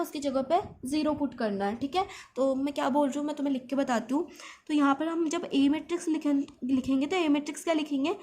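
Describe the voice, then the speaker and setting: A woman's voice: sits high, a little mellow. A woman teaching maths step by step in English, explaining patiently and checking in with her students. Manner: explains patiently, often checks in with "theek hai".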